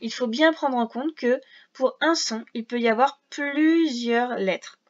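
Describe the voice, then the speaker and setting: A woman's voice: on the high side, a little slow. A woman teaching a reading lesson to young children, patiently sounding out syllables and letters one by one. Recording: dull lo-fi sound.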